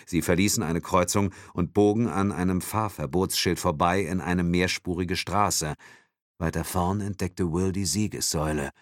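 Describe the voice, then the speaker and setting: A man narrating a thriller audiobook in a dramatic, expressive reading. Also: sits low, normal speed, no room sound, clean studio sound.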